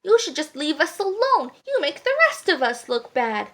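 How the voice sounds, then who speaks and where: A woman's voice: sits high, very animated, normal speed, a bit bright, full character voice. A woman voicing a mean, bossy older duckling sister, recorded on a phone. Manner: dismissive, cutting.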